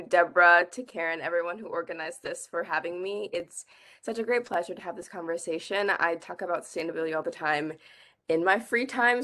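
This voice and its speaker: Speaking on the low side with a slightly bright voice, this young Bahamian climate activist responds sincerely to an interviewer's questions. Her answers are peppered with "like" and "I think."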